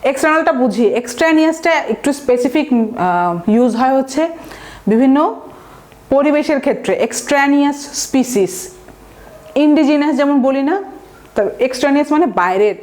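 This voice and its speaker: Higher-voiced woman teaching vocabulary. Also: lively intonation, normal speed, a little mellow. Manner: explains words step by step, mixing in English terms; often checks understanding with tag questions. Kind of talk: recorded online lesson.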